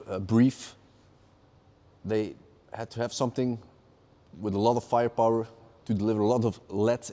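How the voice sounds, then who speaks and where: A man's voice: medium pitch, mellow. A man co-hosting, explaining casually and repeating words as he restarts. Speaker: co-host.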